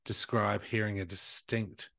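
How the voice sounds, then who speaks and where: A man's voice: fairly low pitch, level tone, measured pace, gravelly, very noisy. A man co-hosting a casual podcast, reading out an urban legend and breaking into crude jokes. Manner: reads notes then jokes loudly, crude banter. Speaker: podcast co-host.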